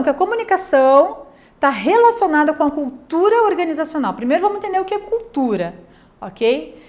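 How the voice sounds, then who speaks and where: Woman, Brazilian Portuguese accent, lecturer, high voice, swooping lively intonation, chatty teaching tone. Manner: conversational teaching, frequent "né?" and "ok?" checks, animated acted examples. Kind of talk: recorded online class lecture.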